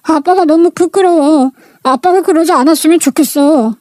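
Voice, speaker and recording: A woman voicing a blunt, ashamed young eldest son, speaking low and flat in a storybook reading. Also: moderate pace, no echo, clean studio sound, natural voice. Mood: grave.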